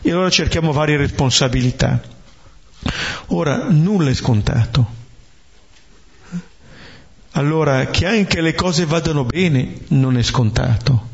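A man preaching a slow, reflective homily on scripture, often checking in with his listeners with a questioning "eh?". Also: a little high, vocal fry. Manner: slow, reflective, with rhetorical "eh?" tags. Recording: dull lo-fi recording.

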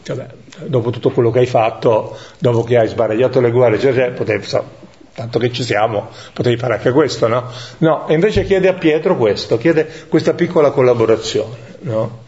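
A man leading a Bible study, teaching in a reflective way that thinks aloud, with pauses and tag questions. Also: mid-range voice, a little mellow, lo-fi sound. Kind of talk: lectio divina teaching.

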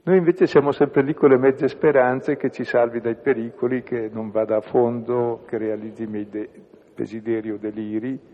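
Husky man reflecting on scripture in echoey hall. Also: medium pitch, steady tone. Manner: slow, measured, trailing off softly at phrase ends. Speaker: priest leading a bible reflection. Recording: echoey hall over a tinny phone-like line.

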